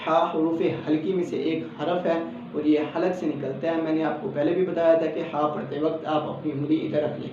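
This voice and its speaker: A man with a Pakistani Urdu accent teaching Quran letter pronunciation, patiently explaining each letter and then saying it slowly as a model. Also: a little high, fairly even intonation. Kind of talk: step-by-step pronunciation lesson. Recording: echoey, distant, dull lo-fi sound with faint background hum.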